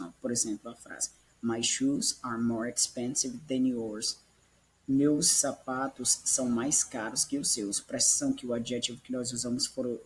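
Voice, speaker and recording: A man's voice: mid-range voice, a little mellow. A man teaching English grammar in a recorded lesson, patiently repeating examples and checking in with listeners.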